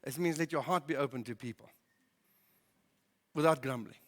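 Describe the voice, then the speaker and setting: A man preaching a sermon as pastor, in a lively conversational way with many fillers. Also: mid-range voice, normal speed. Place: barn church hall. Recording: reverberant church hall.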